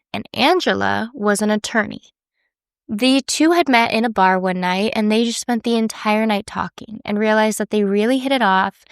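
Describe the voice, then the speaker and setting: A woman with a stuffy, congested voice tells a true crime story in a relaxed, chatty way, and the tone underneath still comes through smooth and clear. The sound is dry and close, with no room around it. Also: mid-range voice, dry recording. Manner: conversational, with fillers and restarts. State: congested from a cold. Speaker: podcast host.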